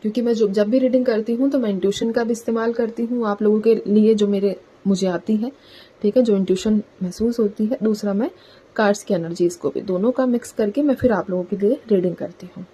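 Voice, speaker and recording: A woman talks her viewers through a collective tarot reading in a loose, chatty way, often tagging her sentences with "theek hai". Her voice is mellow and warm, pitched in a middle range. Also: fairly even intonation, fairly quick, husky, rough recording. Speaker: tarot reader.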